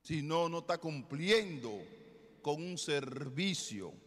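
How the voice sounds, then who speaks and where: Middle-aged male bishop, high bright voice, measured sermon in a long-reverb church. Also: expressive. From Dominican Republic. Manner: slow, deliberate preaching with rhetorical questions. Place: large basilica with congregation. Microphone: ambo microphone, far camera.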